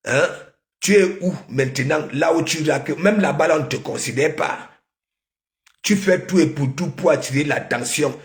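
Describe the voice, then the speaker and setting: A man talks straight to his viewers in scolding gossip commentary, going over the same phrases again and again and tagging them with questioning "hein?"s. His voice sits a little high and he speaks slowly. The room around him rings with echo. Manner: repeats phrases with constant "hein?" rhetorical questions. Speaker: online commentator.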